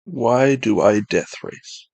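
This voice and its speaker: A man's voice: medium pitch, animated, slow pace, creaky, a little mellow, no echo. A man reading out a numbered list, heard from a distance.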